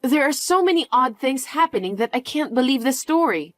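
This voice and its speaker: A woman's voice: sits high, lively intonation, a little fast, soft background music. A woman voicing an anxious, pushy middle-aged mother in a dramatized story narration, sounding frantic and guilt-tripping.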